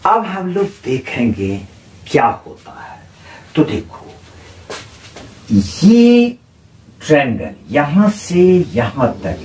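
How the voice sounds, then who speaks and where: A man teaching a geometry lesson in speech, explaining slowly and repeating terms as he points and writes. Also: on the high side, darkish tone. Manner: slow, repeats terms while pointing and writing. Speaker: maths tutor. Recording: roomy, slightly distant mic with faint noise.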